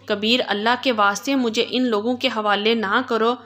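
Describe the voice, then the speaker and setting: A tearful young mother begs and sobs in a storybook tale, as a woman narrator puts her on. The voice sits a little high and pleads through tears. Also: steady tone, a bit bright, close to an everyday voice. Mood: pleading. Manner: pleading, sobbing delivery.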